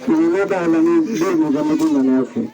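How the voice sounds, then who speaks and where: A man's voice: fairly high pitch, fast talker, natural voice. A man with a rural Bangladeshi accent playing a bossy, irritable village dentist in a scolding comic stage delivery. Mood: brisk, questioning. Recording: outdoor stage with noisy crowd.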